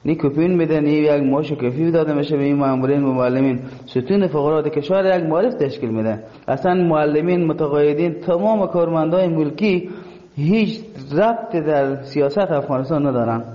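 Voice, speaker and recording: A man with an Afghan accent, a caller making an aggrieved, emphatic spoken complaint. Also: fairly high pitch. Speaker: radio caller, teacher. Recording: dull sound with long reverb.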